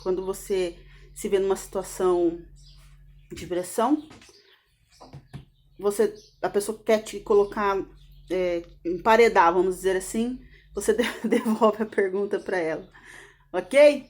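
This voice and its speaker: A middle-aged woman hosts a podcast and tells a story casually, with laughing asides and sudden jumps in pitch. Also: fairly even intonation, measured pace, long pauses, darkish tone. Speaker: podcast host.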